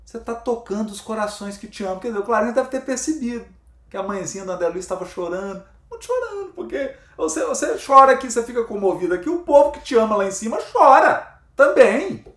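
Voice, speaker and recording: Emphatic man leading a study, echoey. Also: very high voice. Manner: emphatic, repeats himself, asks the audience questions. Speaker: spiritist study leader. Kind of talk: spiritist book study talk.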